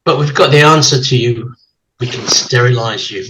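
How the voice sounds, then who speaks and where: A man's voice: mid-range voice, moderate pace, lightly acted. Man playing a menacing tough-cop interrogator, noisy recording. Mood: cold menace. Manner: hard, hectoring, accusatory, like a tough cop. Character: menacing male interrogator, relentless tough bully. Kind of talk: amateur dramatic play reading. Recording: clearly noisy recording with clicks.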